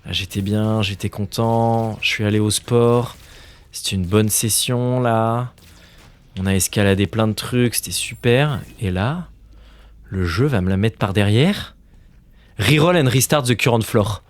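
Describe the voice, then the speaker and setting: A man's voice: fairly low pitch, a little slow. Exasperated man muttering over a game. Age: 30s. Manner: exasperated, swears a lot, drops to muttered whispers. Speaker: streamer. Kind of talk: casual gameplay commentary.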